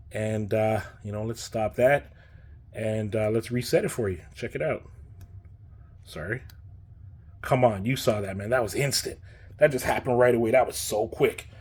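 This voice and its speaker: A man's voice: mid-range voice, darkish tone, slightly rough. Laid-back chatty man reviewing a watch. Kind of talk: casual product review.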